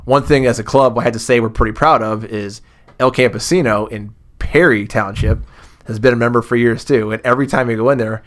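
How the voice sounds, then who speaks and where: A man, a former booster club president, chatting on a podcast and telling lively anecdotes. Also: medium pitch, brisk. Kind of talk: casual podcast storytelling.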